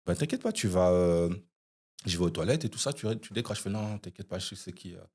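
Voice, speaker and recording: Low, husky-voiced man telling a story. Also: fast talker. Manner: animated anecdote telling, many "tu vois" asides. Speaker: podcast guest. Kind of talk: casual storytelling chat.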